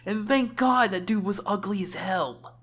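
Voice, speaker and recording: A woman reviews video games with casual, sarcastic reaction commentary, frequently exclaiming. Her mid-range voice is unhurried, and faint game music plays under the voice-over.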